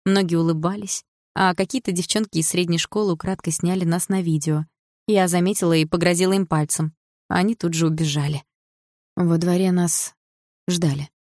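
A woman reading an audiobook in the first person, with expressive, lively storytelling. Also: low-pitched, dry recording, clean studio sound. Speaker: audiobook narrator.

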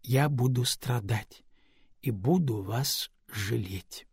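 A man voicing a quiet sad little girl. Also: mid-range voice, husky, no room sound, studio quality, full character voice. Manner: slow, subdued.

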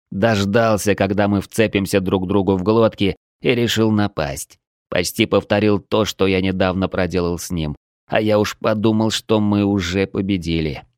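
A man narrating a first-person fantasy audiobook in a steady, measured way. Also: low voice, clean tone, no room sound, clean studio sound.

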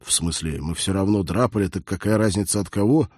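A man's voice: deep voice, fairly quick, darkish tone, dry recording, studio quality. A man voicing an exhausted young male soldier in an audiobook, muttering breathless, sarcastic remarks. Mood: grim sarcasm.

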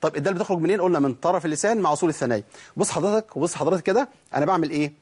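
Husky Egyptian man teaching recitation. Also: a little high. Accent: Egyptian Arabic. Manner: colloquial and lively, drawing out letters slowly as examples. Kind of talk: tajweed lesson.

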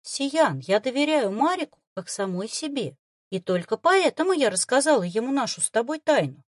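A gentle young woman talks calmly and persuasively, as a woman narrator puts her on. Her voice is fairly high with lively pitch, close and dry. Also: moderate pace, dry recording.

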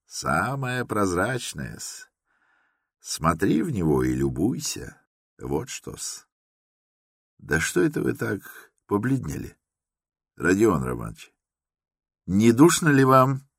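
A man's voice: on the low side, a bit bright, dry recording, studio quality, voice pushed up, exaggerated voice. A man putting on a fawning, fussy old investigator. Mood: sly, mocking. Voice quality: obsequious, clucking, adds polite "-s" to words. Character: fussy, fawning middle-aged male police investigator.

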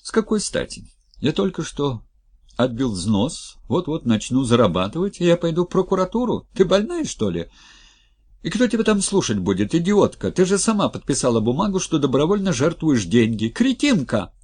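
A man voicing a screeching, insulting swindler who jumps way up in pitch and yells his lines. The voice is raspy and gravelly, and the pitch swings wildly. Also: sing-song, normal speed. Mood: furious. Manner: shrieking, insulting. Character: rude shrill man, greedy scheme recruiter.

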